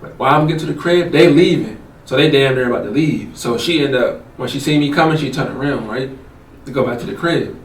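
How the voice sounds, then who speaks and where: A man's voice: medium pitch, quick pace. A young man, co-host of a casual chat show, telling a story and acting out the dialogue. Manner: animated, acts out quoted dialogue. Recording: echoey room, mic at a distance.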